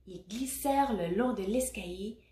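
A woman reading a children's picture book aloud, expressive and adding little asides for children. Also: mid-range voice, unhurried. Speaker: storybook reader. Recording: roomy echo.

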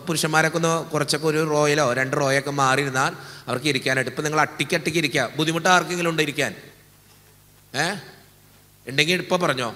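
A man's voice: fairly high pitch, bright, forceful tone. A man, a Keralan priest, preaching a casual, teasing sermon and leading his congregation in call-and-response. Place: church. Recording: echoey hall.

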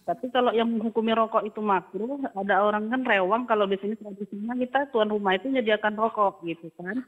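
A woman's voice: medium pitch, fast talker. A woman calling in to a radio show over the phone, politely asking a religious teacher questions and often adding a respectful title of address. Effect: caller heard over a phone line on air. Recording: dull, lo-fi phone line.

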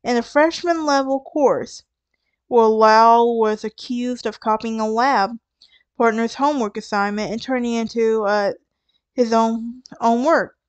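Southern woman hosting a true crime podcast: smooth, clear voice, casual storytelling with wry asides. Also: a little high, measured pace, no room sound. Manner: conversational, with asides and restarts. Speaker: podcast host.

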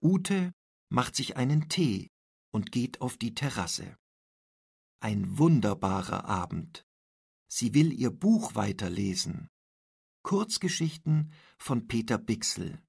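Slow, gravelly-voiced male story reader. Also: mid-range voice, very animated, a little mellow, dry recording, clean studio sound. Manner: clear, deliberate reading. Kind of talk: slow storybook narration for learners.

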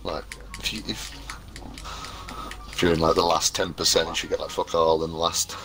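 A man's voice: deep voice, flat delivery, moderate pace, over music. A man chatting casually in a blokey, sweary way while coaching a friend through a game. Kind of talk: casual gaming chat.

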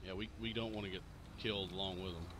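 An American man role-playing a sheriff's deputy in a game, giving radio calls and banter in a steady, deadpan way with casual swearing. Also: deep voice, fast, a loud crowd. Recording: noisy game sound, vehicles behind. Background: game vehicles and street ambience.

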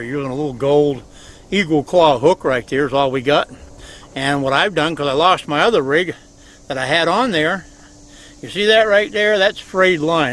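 A man's voice: fairly high pitch, a bit bright, rough recording. An older man hosting a fishing show from a boat on a lake, talking in a folksy, chatty, teasing way. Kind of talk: casual outdoor show commentary.

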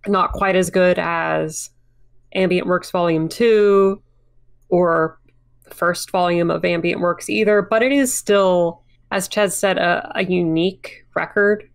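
Low, gravelly woman giving blunt takes. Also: steady tone, no echo, studio quality. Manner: measured verdicts, blunt teasing. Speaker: podcast co-host. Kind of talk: casual album review chat.

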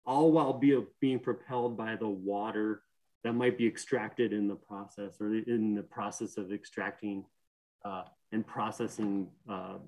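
Speaking from home through a webcam or laptop mic on a video call, this young systems engineer has a lowish, warm voice in a low-quality recording. He presents his technical conference talk earnestly, often restarting and relying on fillers.

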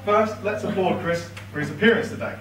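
Here a late-twenties best man, voice sitting high, gives a dry, teasing wedding speech from notes and waits out the laughter. The recording is very noisy, captured without a mic by a distant camera in a large indoor reception room with a high ceiling, so it echoes. Laughing guests and room ambience are audible.

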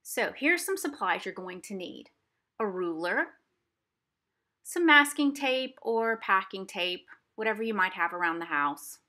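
Bright, forceful, and unhurried, this woman's mid-range voice has lively intonation as she demonstrates a craft for kids in a museum family program. She explains simply to young viewers from an indoor craft table.

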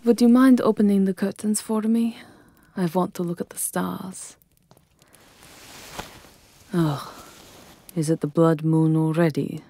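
Woman as a languid, low-voiced vampire countess. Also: fairly even intonation, a little slow, pauses often, warm tone, no echo. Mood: tender, languid. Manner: languid, aristocratic, commanding. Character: imperious, seductive vampire countess, possessive lover. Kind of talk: dramatic ASMR roleplay acting.

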